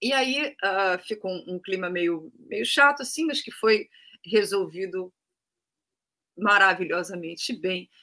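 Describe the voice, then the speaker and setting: A Brazilian woman with a bright, clear-edged voice tells tour stories to an interviewer. She is a trained classical singer speaking casually, and she slips into other people's voices when she quotes them. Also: medium pitch, measured pace. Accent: Brazilian Portuguese. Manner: lively anecdotal telling, acting out quoted voices. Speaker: guest singer, opera-trained.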